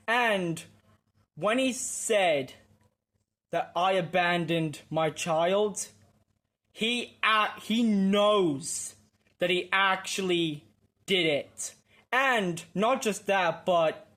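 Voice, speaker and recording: A film reaction host giving earnest, halting commentary on a scene. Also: mid-range voice, fairly bright tone. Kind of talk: casual commentary.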